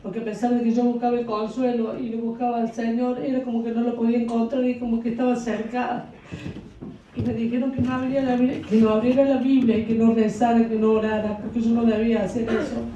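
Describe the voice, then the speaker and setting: Halting Argentine woman in an echoey hall. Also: a little high, flat delivery, warm tone, slight background noise. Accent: Argentine Spanish. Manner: halting, repetitive retelling with restarts. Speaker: churchgoer giving testimony. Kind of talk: personal religious testimony. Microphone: far from the microphone. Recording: dull, distant, very echoey hall.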